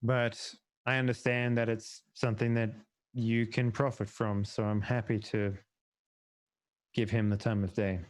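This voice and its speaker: A man's voice: on the low side, flat delivery, unhurried. A man playing a tabletop role-playing game, chatting casually in character with a tentative, polite manner. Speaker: tabletop role-play player.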